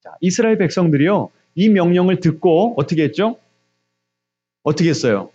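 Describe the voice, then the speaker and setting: A man's voice: animated, moderate pace, breathy edge, muffled recording. A man preaching a sermon as pastor, asking the congregation questions and answering them himself. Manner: acts out God's voice with quiet, low asides.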